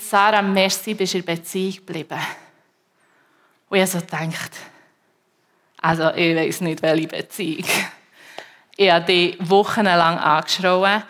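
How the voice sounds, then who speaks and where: A woman with a Swiss German accent, a preacher giving a personal faith testimony to a congregation in an emotional, halting way that repeats herself. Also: medium pitch, fairly bright tone.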